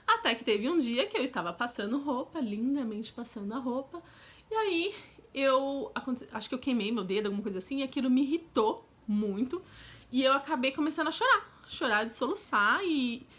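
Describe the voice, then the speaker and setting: A woman's voice: high-pitched, animated, fairly quick, a bit bright. A young woman with a Brazilian Portuguese accent, telling a personal story in a chatty, direct vlog style with frequent asides to the viewer. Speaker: vlogger. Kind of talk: casual storytelling.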